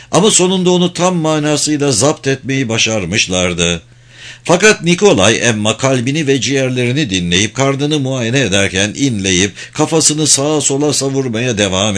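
A man reading a suspenseful novel aloud in a measured, steady narration. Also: mid-range voice. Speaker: audiobook narrator. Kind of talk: scripted narration.

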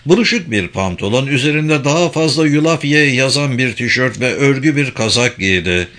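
Bright-voiced male audiobook narrator. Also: medium pitch, expressive, moderate pace. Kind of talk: scripted narration.

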